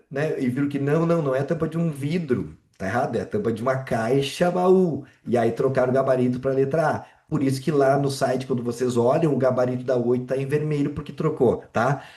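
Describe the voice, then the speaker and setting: A man's voice: medium pitch, mellow, reverberant. Casual male teacher. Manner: casual, checks in with students often. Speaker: Portuguese teacher. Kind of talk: live online exam walkthrough. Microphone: video call.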